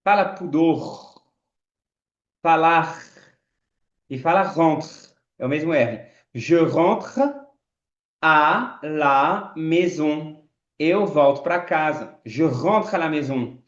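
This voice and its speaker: A French man teaching pronunciation, saying model phrases slowly and repeating them as drills. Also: on the high side, reverberant, highs cut off. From France. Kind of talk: pronunciation lesson.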